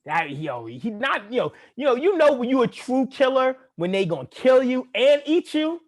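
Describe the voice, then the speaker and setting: A man co-hosting a casual podcast chat, talking in animated, profane, laughing banter. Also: very high-pitched, moderate pace. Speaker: podcast co-host.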